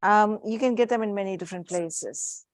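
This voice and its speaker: A woman's voice: medium pitch, moderate pace, no room sound. Indian-accented woman psychiatrist teaching parents. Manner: warm, practical, demonstrating objects. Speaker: child psychiatrist giving a parent workshop. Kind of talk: live workshop talk to room and Zoom.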